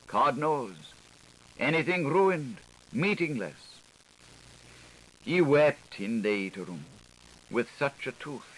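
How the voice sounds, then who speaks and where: Experimental literary prose is read here by a man narrating an audiobook, his medium-pitched voice playful and theatrical as he delivers the wordplay rhythmically. It's a low-quality, hissy older studio recording.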